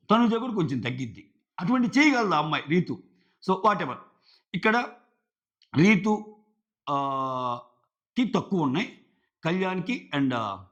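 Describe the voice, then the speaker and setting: A man talks through a reality show episode in a casual review. His fairly high voice swings widely in pitch as he acts out what the contestants said. The recording sounds dull and lo-fi. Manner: animated, acts out contestants' lines in quotes.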